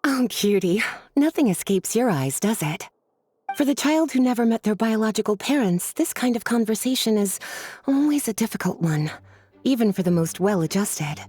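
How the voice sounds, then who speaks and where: Woman playing mellow, teasing mage Lisa. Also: mid-range voice, lively intonation, normal speed, natural voice. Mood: gently teasing. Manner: languid, coaxing, teasing endearments. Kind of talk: video game voice acting.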